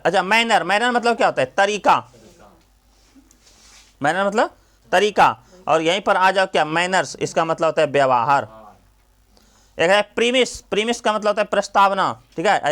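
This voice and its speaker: A male coaching teacher with a high-pitched, slightly bright voice leads a classroom grammar lesson. He drills the students with repeated questions, then answers them himself.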